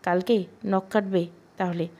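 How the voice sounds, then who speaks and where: A woman voicing a playful, teasing young husband in an audio storybook, her tone mellow and low-key. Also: steady tone, a little slow. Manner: teasing, affectionate.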